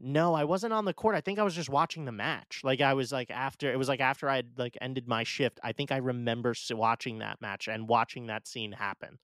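A young man, a podcast guest, telling stories in an excitable, rambling way. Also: medium pitch, fairly quick, hardly any pauses, no echo. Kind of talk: casual chat.

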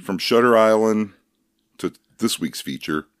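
A man's voice: lowish voice, expressive, measured pace, smooth, no echo. A man co-hosting a casual podcast, talking in a dry, joking, rambling way. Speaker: podcast co-host. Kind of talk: casual chat.

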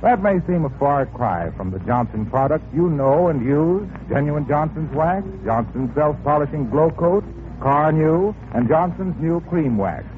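A man's voice: on the high side, expressive, a little slow. A man reading scripted announcements in a polished, emphatic 1940s radio style. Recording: tinny, hissy old radio broadcast.

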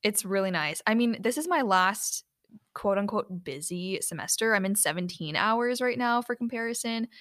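A woman's voice: medium pitch, lively intonation, moderate pace, fairly bright tone. A young woman co-hosting a casual student podcast, friendly and upbeat, with a teasing edge. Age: young adult. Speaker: student co-host.

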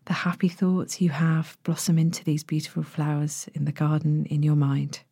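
Soft, breathy woman narrating a sleep story. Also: deep voice, flat delivery, no echo, clean studio sound. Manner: gentle, hushed, breathy delivery with long pauses. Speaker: podcast host, sleep meditation narrator. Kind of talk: soothing sleep story narration, guided relaxation.

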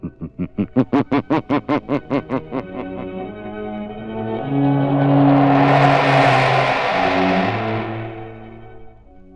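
An actor playing a sinister, mocking, menacing avenger in an old-time radio sign-off, with drawn-out theatrical delivery. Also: male voice, mid-range voice, faint music behind. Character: the Shadow, sinister, menacing, mocking male narrator. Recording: muffled vintage radio recording.

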